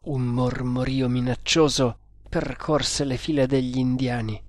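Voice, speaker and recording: A man reading an adventure novel aloud in a measured, dramatic storytelling manner. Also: mid-range voice, steady tone, no room sound. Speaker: narrator. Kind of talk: audiobook reading. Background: faint music.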